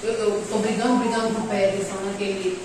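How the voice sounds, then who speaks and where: A woman's voice: mid-range voice, flat delivery. A woman, a mother taking part in a church class, talking casually and quoting her son. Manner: talks fast, quotes her son. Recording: echoey room, distant mic, background noise.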